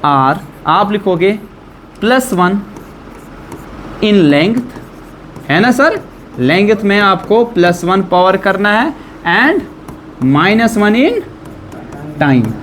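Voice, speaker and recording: A man's voice: high voice, very animated, drawn-out words, long pauses, a bit bright, slight background noise. A man teaching a physics class, lecturing and quizzing his students with repeated questions.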